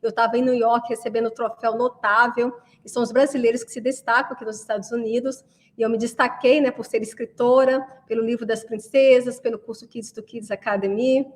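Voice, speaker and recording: A woman's voice: a little high, level tone, fairly quick. A woman from Brazil giving a chatty class to parents, often asking listeners to agree as she talks. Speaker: course creator addressing parents. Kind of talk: casual promotional class talk.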